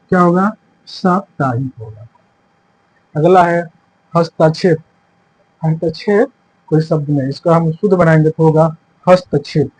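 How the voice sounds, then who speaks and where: A man's voice: fairly high pitch, a little mellow, rough recording. A man teaching a lesson for exam preparation, explaining each point step by step and repeating the answers as quiz questions. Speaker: Hindi teacher.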